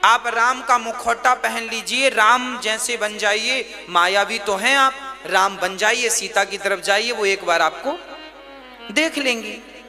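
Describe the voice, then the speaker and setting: A devoted queen gently coaxing her husband, as a male preacher puts her on. The voice runs high and slow and stays persuasive. Music runs underneath throughout. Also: big-room sound, heavily acted. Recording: music playing behind.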